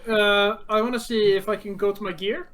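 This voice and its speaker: A tabletop player with a voice of ordinary pitch. They talk casually and eagerly, laying out each move of their character piece by piece. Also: steady tone, a little fast, a bit bright. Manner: eager, describes actions step by step.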